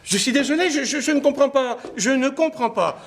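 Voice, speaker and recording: Nervous literal-minded fusspot, high and all over the place, stammers a lot. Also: male voice, animated, fairly quick. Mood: baffled. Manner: hesitant, stammering, overly earnest. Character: fussy, apologetic, literal-minded man. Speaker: actor in a stage comedy.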